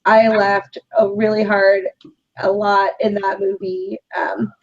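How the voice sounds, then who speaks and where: A woman's voice: mid-range voice, level tone, slow pace, lo-fi sound. A woman co-hosting a casual podcast, chatty and upbeat, laughing often as she talks. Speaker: podcast co-host. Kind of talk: casual chat.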